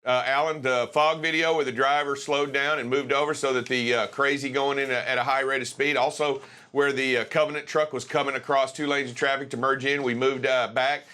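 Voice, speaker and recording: A man hosting a live talk show, animated in tone, acting out reactions as he chats casually. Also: medium pitch, fairly quick, hardly any pauses. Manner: animated, exclaims and acts out reactions. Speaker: show host.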